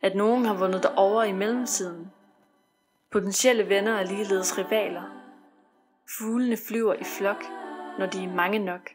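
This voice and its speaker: Female poetry reader, mid-range pitch, hushed and brooding, over a music track. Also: fairly even intonation. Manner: intimate, brooding recitation rising to anguished shouts.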